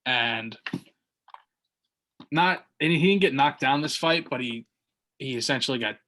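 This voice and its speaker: A man's voice: mid-range voice, measured pace, sharp tone. A man co-hosts a combat sports podcast in loose, casual chat. He rambles, restarts his sentences and fills the gaps with fillers as he talks through fights. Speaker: podcast co-host.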